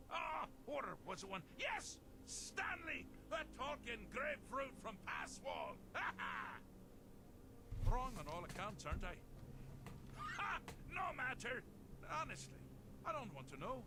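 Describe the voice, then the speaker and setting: Capricious game deity of madness, high, wildly varied pitch, theatrical and mocking; audible noise. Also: male voice, wildly swooping pitch, slow, exaggerated voice. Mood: giddy, mocking. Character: manic, whimsical male god of madness. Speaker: game character.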